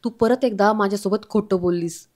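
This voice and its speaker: A woman's voice: mid-range voice, a little fast, darkish tone, lightly acted. Old grandpa, read by a woman, stern fatherly tone, family drama retelling. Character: elderly grandfather, gentle but stern.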